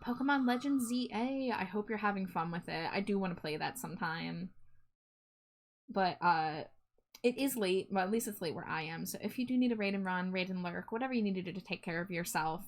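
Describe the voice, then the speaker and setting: A woman's voice: medium pitch, lively intonation, fairly quick. A woman art streamer chatting casually to viewers on a livestream in a cute, friendly, appreciative manner.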